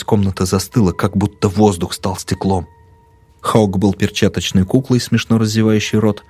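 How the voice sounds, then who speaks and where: A man narrating a first-person mystery story in a tense, measured way. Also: lowish voice, darkish tone, dry recording. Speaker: audiobook narrator.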